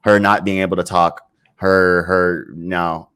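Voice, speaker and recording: A man's voice: sits low, level tone, a little slow, a bit bright, smooth. A man co-hosting a casual podcast, rambling and swearing as he picks apart a story, restarting his sentences. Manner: rambling, restarts often, swears, laughs in frustration. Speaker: podcast co-host. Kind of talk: casual chat.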